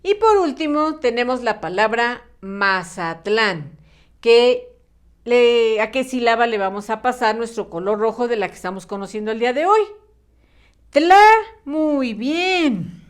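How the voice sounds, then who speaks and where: A woman leads a reading class for young children, sounding out syllables and praising each answer. Her voice sits a little high, moves slowly and rises and falls a lot. She repeats each sound with patient encouragement. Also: animated, clean tone. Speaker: primary school teacher. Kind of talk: children's phonics lesson.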